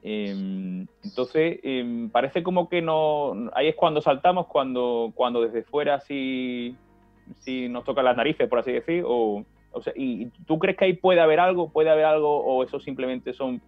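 A man interviewing a guest, asking long, halting questions full of restarts. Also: medium pitch, dry recording, faint music behind. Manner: hesitant, many fillers and restarts. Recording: dry tinny phone-like line.

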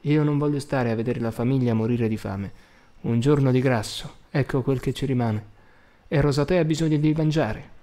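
A man reads a weary, stern mother in a storybook, pressing her family to act. The voice is mellow and low-keyed, firm and insistent. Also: normal speed, natural voice.

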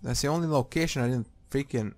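A man's voice: mid-range voice, fast. A man giving casual, sweary playthrough commentary, reacting aloud as he plays a game. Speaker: gamer. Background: game music.

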